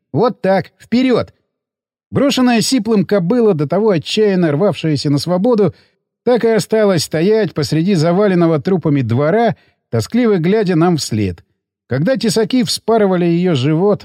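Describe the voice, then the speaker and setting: Lively gruff male audiobook narrator. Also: on the high side, no echo, studio quality. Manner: gruff, coarse first-person telling.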